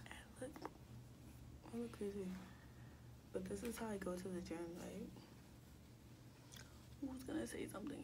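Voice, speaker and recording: Young woman with a gravelly voice. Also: medium pitch, noisy background. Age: young adult. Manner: chatty, slips into soft whispers. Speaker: vlogger. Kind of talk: casual vlog chat. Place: small dorm room indoors.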